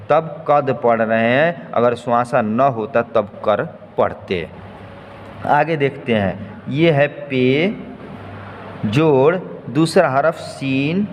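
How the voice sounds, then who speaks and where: Slow patient male teacher, echoey room. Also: mid-range voice. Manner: patient, repeats each point slowly. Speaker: Urdu writing teacher. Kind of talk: slow step-by-step lesson. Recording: faint noise, long hall reverb.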